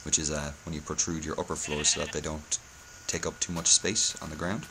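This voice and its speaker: A man's voice: rumbling low, little pitch movement, brisk, bright, forceful tone, slight background noise. A hungover man giving a casual game-building tutorial, speaking hesitantly and often correcting himself. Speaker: video tutorial host.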